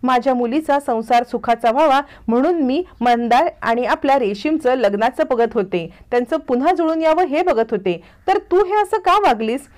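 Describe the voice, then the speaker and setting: An indignant middle-aged mother from a family television drama, reproachful and demanding answers, as a woman reads her lines. The voice is fairly high. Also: lively intonation, fairly quick.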